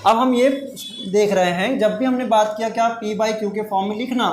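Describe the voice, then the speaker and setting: Brisk and high-pitched with a steady tone, a middle-aged math teacher asks his class questions and answers them himself in call-and-response fashion. The recording echoes like a classroom and carries a faint hiss.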